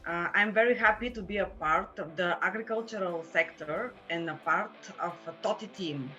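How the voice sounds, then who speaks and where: A woman's voice: fairly low pitch, normal speed, bright, forceful tone, muffled recording, soft background music. A woman from Bulgaria, head of an agricultural TV channel, speaking cheerfully over a video call. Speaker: agricultural TV chief.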